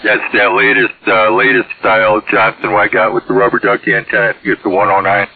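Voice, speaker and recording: Over a tinny, band-limited CB radio signal, a man chats casually in a hesitant, folksy manner. His voice is lowish and brisk, with little pitch movement.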